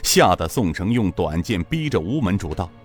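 A man's voice: low voice, very animated, normal speed, faint music behind. A man narrating a serialized martial-arts story in a dramatic, rhythmic style.

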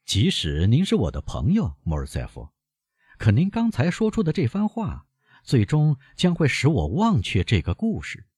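A man's voice: medium pitch, wildly swooping pitch, moderate pace, mellow, slightly rough, no echo, studio quality, pitched above the performer's own voice. A man reading an audiobook, voicing a genial, talkative male newspaper journalist. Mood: measured. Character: affable male newspaper journalist, amiable then proud. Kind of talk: audiobook character voice.

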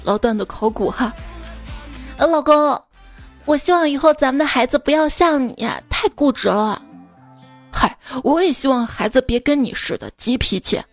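A woman's voice: high voice, animated, normal speed, faint music behind. A woman reading funny anecdotes aloud, playfully acting out the dialogue. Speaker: joke reader.

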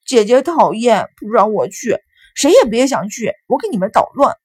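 A woman voicing an excitable, whiny young boy who is the little brother, speaking high and pleading. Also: moderate pace, close to an everyday voice. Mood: whiny, excited.

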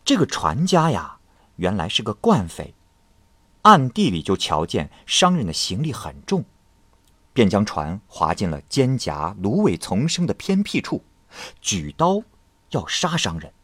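A man tells old ghost and fox tales with an expressive, dramatic delivery, his pitch leaping up and sinking low. The sound is dry and close, with no room echo. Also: a little slow, breathy edge. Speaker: storyteller. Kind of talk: scripted narration of classical ghost tales.

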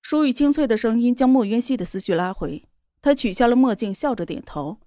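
A woman reading a romance novel aloud in a steady, even storytelling voice. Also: a little high, brisk, dry recording, studio quality. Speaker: narrator. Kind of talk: scripted novel narration.

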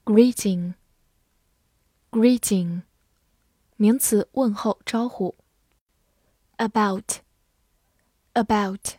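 A woman runs a vocabulary lesson in a somewhat high voice, saying each English word slowly twice before reading its meanings. Her pace stays slow and deliberate, and the recording is close and dry. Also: dark tone, slightly rough, no echo.

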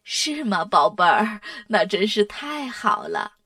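A woman voicing a stern but loving grandmother in a children's storybook, slow and measured. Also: mid-range voice, huge pitch swings, bright, forceful tone, dry recording, full character voice. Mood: tender. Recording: distant mic, dry sound.

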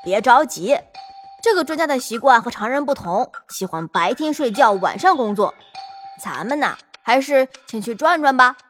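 A woman voicing a confident, clever young boy adventurer in a storybook, speaking calmly and self-assuredly. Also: on the high side, normal speed, soft background music. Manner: calm, self-assured, righteous. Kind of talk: storybook role reading.

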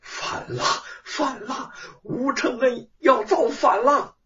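Haughty imperial consort, shrill and commanding, put on by a male storyteller; dull, distant lo-fi sound. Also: sing-song, unhurried, heavy background noise. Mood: furious.

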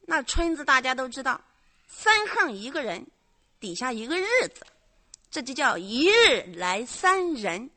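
A woman's voice: sits high, sing-song, pushed and bright, no room sound. A woman, a comic stage performer telling a bawdy story in teasing, mocking banter. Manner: teasing, mocking, brisk punchy delivery.

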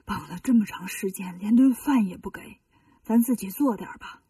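A woman's voice: mid-range voice, normal speed, warm tone, slightly rough, no echo, clean studio sound, recorded from a distance, natural voice. A woman voicing a mild, fretful male monk in a children's storybook. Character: fussy, timid male monk, leader of the pilgrims.

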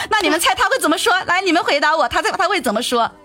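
A young woman telling a personal story in a lively, chatty way, repeating words and asking her listeners questions. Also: very high voice, very fast, faint music behind. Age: young adult. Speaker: storyteller addressing her audience.

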